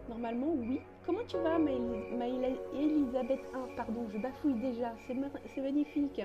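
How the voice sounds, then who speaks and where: High-voiced chatty French woman streamer. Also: lo-fi sound. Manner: chatty, many fillers, greets chat viewers by name. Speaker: game streamer. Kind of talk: casual live-stream chat.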